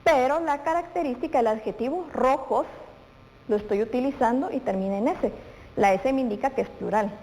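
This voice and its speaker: A high, brisk, slightly mellow female voice belongs to a primary school teacher in a televised grammar lesson. She speaks directly to the pupil, asking questions and answering them. Faint noise and reverb come from the room.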